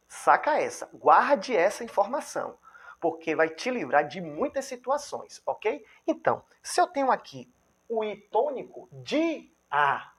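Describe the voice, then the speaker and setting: A man with a Brazilian accent teaching a grammar lesson, who keeps checking in with the viewer and sounds out example words syllable by syllable. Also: high voice. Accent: Brazilian Portuguese. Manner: lively, checks in with the viewer constantly; spells out examples slowly, syllable by syllable.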